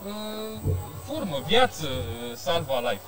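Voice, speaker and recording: A man hosting a casual live social media interview, chatty and teasing, with filled pauses. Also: on the high side, sing-song, over music. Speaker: host. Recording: live with crowd noise.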